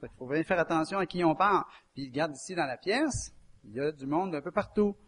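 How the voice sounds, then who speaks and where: A little high, husky, and expressive, this man's voice moves at a brisk clip. He's from Quebec, has a Québécois French accent, and preaches a chatty, folksy sermon while quizzing his listeners.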